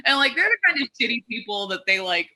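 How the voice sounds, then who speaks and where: A Texas stand-up comedian in her twenties guests on a podcast, telling her story in a chatty, darkly joking way. Her voice is a little high and sharp, with big pitch swings and fast talking, and the audio quality is poor.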